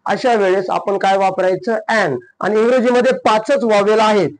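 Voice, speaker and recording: A man with a Marathi accent teaching an English grammar lesson, asking questions and answering them himself, and slowing down on the English examples. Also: high voice, fairly even intonation, rough recording. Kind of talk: classroom-style lesson.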